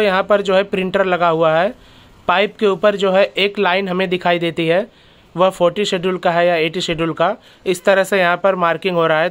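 A man with a high, slightly bright voice and a clear, resonant tone hosts his own channel, narrating a factory tour vlog. He walks through the factory explaining each step and often calls out to viewers as friends.

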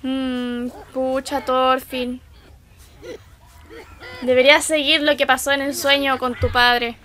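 A young anime reaction host with a Chilean Spanish accent gives casual commentary, exclaiming and making sympathetic asides to her viewers. Her high, fairly bright voice is delivered flat and slowly.

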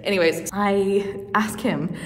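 A woman's voice: medium pitch, steady tone, slow pace. A young woman vlogging casually to a handheld camera, chatty and bubbly, saying "like" a lot. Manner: chatty and bubbly, heavy use of "like". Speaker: travel vlogger. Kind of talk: casual vlog chat to camera.

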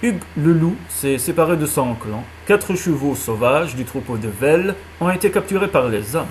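A man reading a children's animal novel aloud in a calm storytelling manner. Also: a little high, normal speed, slight background noise. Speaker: reader.

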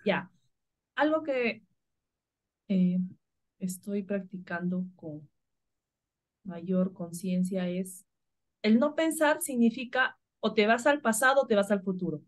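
A woman's voice: mid-range voice, animated, slow pace, long pauses. A woman from Peru, a spiritual guide, talking casually and telling everyday stories with frequent laughter. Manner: warm, spontaneous storytelling with frequent laughs.

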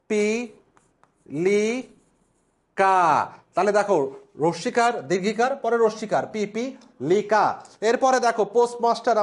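A male language instructor giving a classroom spelling lesson at a board, drawing out each word slowly and repeating it. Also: sits high. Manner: slow, drawn-out repetition of spellings.

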